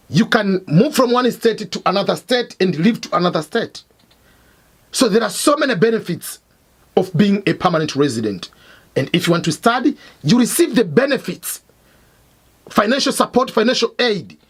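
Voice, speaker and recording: A man's voice: high-pitched, slightly rough. A middle-aged man from Tanzania, host of an explainer channel, teaching emphatically and repeating key points. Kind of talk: explainer lesson. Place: Missouri, United States.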